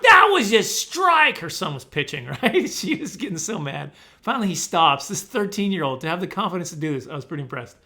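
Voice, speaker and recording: A man's voice: fairly high pitch, creaky, a bit bright. A middle-aged man telling comic stories, defensive in mock fashion and repeating himself for laughs. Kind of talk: comic storytelling monologue.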